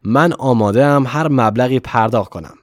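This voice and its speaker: A man's voice: medium pitch, dry recording, studio quality, lightly acted. A man voicing an eager, earnest young man in a story reading.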